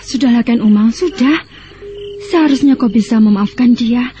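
An actress playing a sensible palace maidservant who keeps the peace, firm and admonishing, in a radio melodrama. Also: female voice, on the high side, moderate pace, dark tone, slight background noise, lightly acted. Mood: pleading, admonishing. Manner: commanding, admonishing. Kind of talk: melodramatic radio drama acting. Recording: muffled radio drama, music behind.

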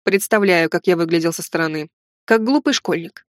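A woman voicing a tender, nervous young man in an audiobook, earnest and gentle. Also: fairly low pitch, a little fast, no echo, studio quality, pitched below the performer's own voice, natural voice. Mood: sheepish. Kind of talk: audiobook character reading.

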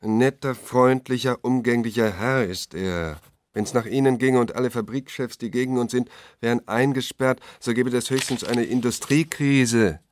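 A man's voice: mid-range voice, normal speed, no echo, lightly acted. Man doing a smug, mocking newspaper editor. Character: amused, condescending middle-aged male newspaper editor.

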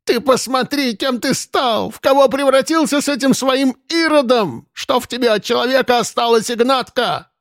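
A man's voice: very high-pitched, moderate pace, hardly any pauses, fairly bright tone, dry recording, studio quality, voice pushed up. A man putting on a fierce scolding old village woman. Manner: scolding, indignant. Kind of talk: audiobook character voice.

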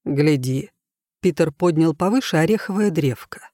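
A man reads a storybook as an audiobook in a calm, even voice. The sound is dry and close. His delivery is steady and measured. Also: fairly high pitch, no room sound. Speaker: audiobook reader. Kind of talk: scripted narration.

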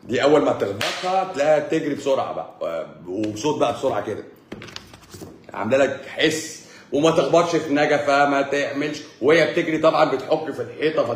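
A man's voice: medium pitch, reverberant, a little hiss or hum. A man with an Egyptian accent giving a casual medical talk, joking and teasing as he explains. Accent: Egyptian Arabic. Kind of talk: joking live lecture.

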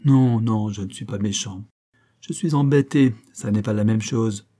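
A man reading the part of a cheeky, shrewd young actor turned detective, in a wry, easy-going way and a dark, husky voice. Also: lowish voice, unhurried.

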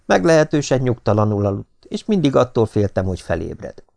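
A male audiobook narrator at a mid pitch, reading a story at an even, measured pace. His voice carries a noticeable creaky, gravelly texture.

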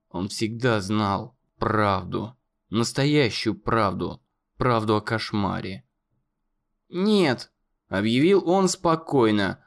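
Slow gravelly male audiobook narrator. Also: mid-range voice. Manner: dramatic, measured storytelling.

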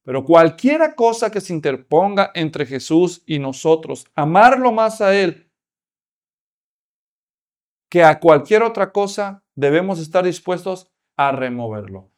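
A man's voice: on the high side, big pitch swings, measured pace. A man preaching a sermon, often putting rhetorical questions to the congregation.

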